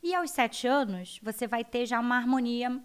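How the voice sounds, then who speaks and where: A woman with a Brazilian accent, a guest educator explaining child development in an animated interview. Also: a little high, moderate pace, clean tone. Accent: Brazilian Portuguese. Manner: animated, acts out her children's voices.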